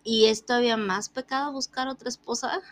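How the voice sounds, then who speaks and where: This woman, in her thirties, talks briskly with a fairly high pitch as she shares a funny tale in casual chat. Animated throughout, she performs the quoted lines of the other person and keeps laughing.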